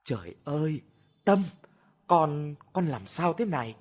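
A man voicing an older village mother who soothes and scolds in a soft, sighing way. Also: mid-range voice, very animated, moderate pace, slightly rough. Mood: worried.

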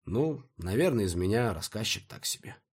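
A man reading an audiobook, voicing a calm, bookish young translator who is patient and mildly sarcastic. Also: lowish voice, normal speed, breathy edge. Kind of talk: audiobook character voice.

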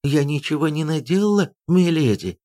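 A man's voice: on the high side, animated, moderate pace, warm tone, pitched above the performer's own voice, close to an everyday voice. A man doing a timid pleading peasant nurse. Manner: pleading, anxious.

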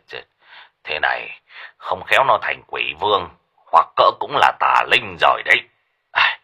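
A man voicing a gruff older village exorcist, bossy and husky. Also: sits low, bright, forceful tone, pitched below the performer's own voice, exaggerated voice. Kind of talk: audiobook character voice.

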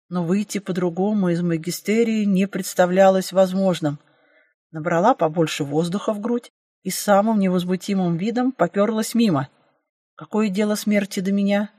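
A woman narrating a first-person fantasy audiobook in a lively, wry storytelling manner. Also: lowish voice, moderate pace, dry recording, clean studio sound.

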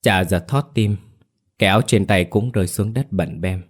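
Guy reading a ghost story, low voice, soft and emotional when doing the characters. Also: moderate pace. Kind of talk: scripted ghost story narration.

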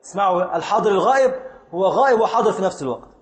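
A man with an Egyptian accent teaching grammar in a lecture, deliberate, repeating his points and quizzing the students. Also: high-pitched, expressive. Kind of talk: classroom lecture. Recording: echoey hall reverb.

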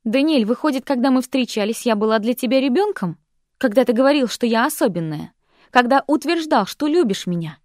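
A woman voicing a tense young woman lashing out at her ex, sharp and indignant, her voice rising. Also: mid-range voice, sing-song, moderate pace, dry recording, studio quality, natural voice. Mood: bitter.

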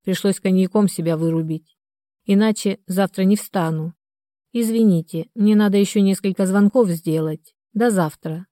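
A woman reading the part of a young widow with a hoarse, cold, slightly slurring voice, in an audiobook. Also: mid-range voice, moderate pace, warm tone, no room sound, studio quality, lightly acted.

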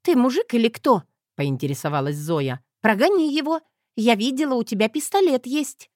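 A woman playing a jumpy young wife in an audiobook who swings between wailing complaints and indignant outbursts. The voice leaps up and down, whiny and high, and it is recorded close and dry. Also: expressive, moderate pace, darkish tone, dry recording, natural voice. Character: young wife, frightened, whiny and quick-tempered. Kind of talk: audiobook character voice.

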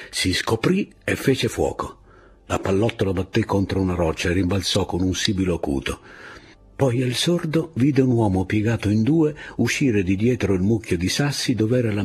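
Deep, resonant male audiobook narrator. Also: breathy edge. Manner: expressive, dramatic storytelling. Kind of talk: scripted literary narration.

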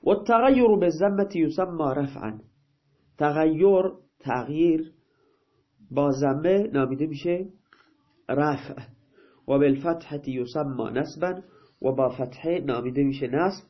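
A male teacher giving a grammar lesson, reading a line of text and then explaining it in plain, everyday talk. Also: medium pitch. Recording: dull, lo-fi recording.

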